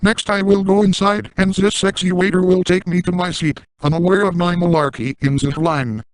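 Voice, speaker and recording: A man's voice: sits high, steady tone, normal speed, clean tone, no room sound, close to an everyday voice, low-quality recording. A man voicing a crude, boastful grown man in a brash comic monologue.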